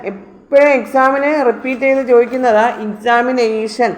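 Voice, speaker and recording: A woman's voice: a little high, poor audio. A woman teacher explaining word stress to students, repeating words and spelling them out letter by letter. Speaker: English teacher.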